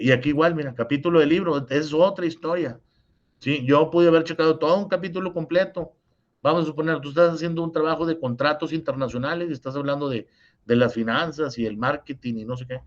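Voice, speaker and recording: A man's voice: medium pitch, highs cut off. A man with a Mexican accent teaching a review lesson over a video call, explaining step by step and often checking in with his listener. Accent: Mexican Spanish.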